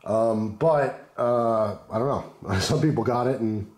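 A man with a hoarse, congested voice from the flu, casually reviewing gear in a laid-back, chatty way. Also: mid-range voice, takes it slowly, a little mellow. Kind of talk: casual unscripted product commentary. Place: indoors at a wooden table.

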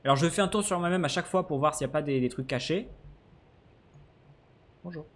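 A man giving casual let's-play commentary, swearing freely and swinging between low mutters and sudden excited shouts. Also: brisk. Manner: swears casually, jokey asides. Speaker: gaming streamer.

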